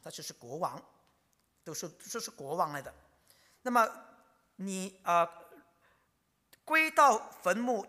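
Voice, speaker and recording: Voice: mid-range voice, pushed and bright. A preacher gives a dramatic sermon, full of rhetorical questions and sudden whispers. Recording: long reverb of a large hall.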